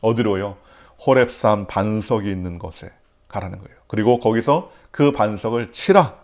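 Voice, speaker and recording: Gravelly guy preaching at a morning church service, keeps asking the congregation stuff then answering himself. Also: on the low side, moderate pace. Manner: asks the congregation questions and answers them himself; swings between loud emphatic lines and near-whispers. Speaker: pastor. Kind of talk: early-morning sermon.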